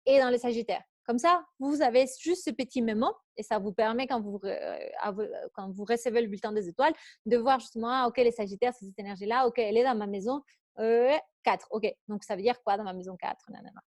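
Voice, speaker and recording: A woman's voice: on the high side, brisk, a little mellow, dry recording. Chatty woman with an accent, dry close sound. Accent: foreign accent. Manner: chatty, reads out participant questions, laughs easily. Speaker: astrology coach. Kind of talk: live online workshop.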